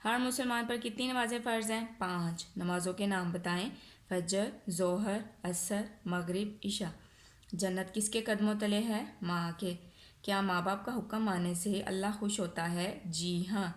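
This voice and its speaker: A woman with a Pakistani accent teaches a nursery class in a recorded lesson. She asks simple questions and answers them herself, drawing out each word slowly. Her voice sits at a medium pitch and carries a noticeable room echo. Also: steady tone. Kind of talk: recorded online lesson for young children. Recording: echoey room.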